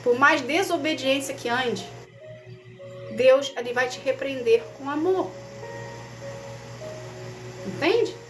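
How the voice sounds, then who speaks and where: A Brazilian woman with a high voice leads a relaxed Bible study as a missionary teacher. She talks in a chatty way and keeps checking that her listeners follow along. Soft music plays faintly behind her. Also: slow, long pauses. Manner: conversational, often checks understanding with the audience. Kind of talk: casual livestream Bible study.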